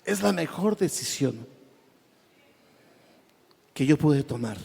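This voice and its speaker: A man tells his conversion story before a congregation, his voice somewhat high for a man. He speaks with feeling and trips over repeated words as he goes. A long reverb trails each phrase, as in a large hall. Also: lively intonation, takes it slowly, vocal fry, darkish tone, slightly rough. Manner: emotional, stumbling repetitions, addresses listeners as brother. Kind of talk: church testimony.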